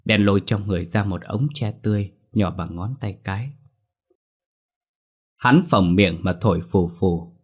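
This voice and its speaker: A man narrating a scripted horror story in a measured storytelling manner. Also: sits low.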